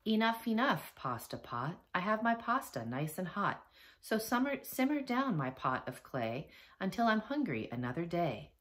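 A woman's voice: sits low, very animated, normal speed. A woman voicing a kindly old village witch, firm and instructing, in a storybook reading. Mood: singsong.

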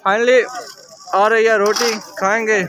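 Young man, vlogger, high voice, lively and joking, phone at arm's length, crowd chatter behind. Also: slow, poor audio. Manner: lively, joking, calls out to friends. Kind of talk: casual vlog chat. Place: outdoor wedding tent in a village. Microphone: phone held at arm's length.

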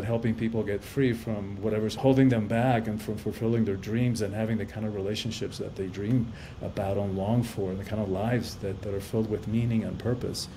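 Here a fairly low-pitched male voice comes through with background noise: a life coach and author from Cuba, in his fifties, chatting as a podcast guest over video call from indoors at home. He talks earnestly and reflectively in a casual interview, frequently repeating words while he thinks.

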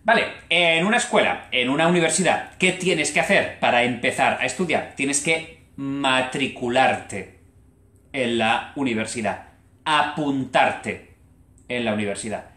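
A young man from Spain teaching a live online Spanish lesson, lively and expressive, slowing down to stress each new word. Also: medium pitch, reverberant.

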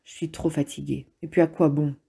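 A woman's voice: sits low, fairly quick, vocal fry, slightly rough, heavily acted. A woman reading as a worn-out discouraged boy. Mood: weary. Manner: weary, flat complaining. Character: exhausted stranded boy, discouraged.

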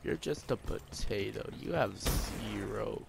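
A man's voice: fairly low pitch, animated, takes it slowly, gravelly, noisy background. A man trolling an opponent over game chat, taunting and mocking him with jokey insults. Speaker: online gamer trolling an opponent. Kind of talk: trash-talking game commentary.

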